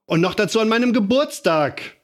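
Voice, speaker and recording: Storybook girl, small and stubborn, shrieky high wails, put on by a male reader. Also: expressive, normal speed. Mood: wailing. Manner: shrieking, wailing.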